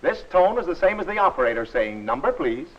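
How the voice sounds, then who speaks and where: A man narrating a 1940s instructional film in a friendly, instructive and measured way. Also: on the high side, big pitch swings, a little hiss or hum. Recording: dull old film soundtrack.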